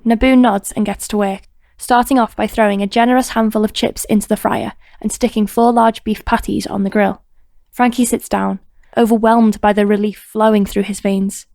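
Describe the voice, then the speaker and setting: Woman narrating in a flat, gravelly voice. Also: medium pitch, moderate pace, no room sound. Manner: even, steady reading. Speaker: audiobook narrator. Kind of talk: scripted narration.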